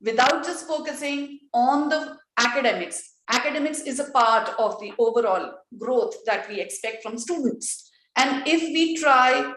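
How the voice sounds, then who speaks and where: Woman hosting a webinar, polite formal tone, kinda high voice, echoey room. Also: measured pace, a bit bright. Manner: polite, formal turn-giving. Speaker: webinar moderator. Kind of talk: hosting a live online session. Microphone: video call. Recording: echoey video-call room.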